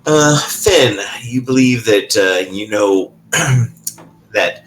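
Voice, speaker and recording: A man narrating as game master of a tabletop game, halting with many fillers. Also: lowish voice, lively intonation, a bit bright, a little hiss or hum, low-quality recording.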